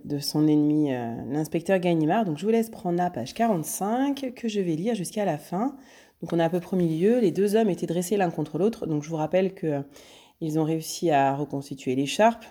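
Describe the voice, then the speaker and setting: A woman teacher reads a novel aloud to a young class. She stops often to explain hard words and recap what happened. Her voice is fairly low, mellow and warm. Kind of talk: reading a novel aloud to children.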